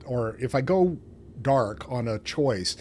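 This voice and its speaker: A man hosts a casual game stream, rambling on in a self-deprecating way. His medium-pitched voice is mellow, animated and slow. The home stream audio is clearly noisy.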